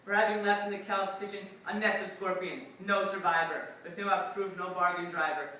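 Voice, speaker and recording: Someone playing a bright-voiced Pied Piper, echoing from afar. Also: medium pitch, flat delivery, a little fast, close to an everyday voice. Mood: indignant, threatening. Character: Pied Piper, tall mysterious boastful wandering male musician. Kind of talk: readers theatre verse recital. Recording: distant, very echoey room, faint noise.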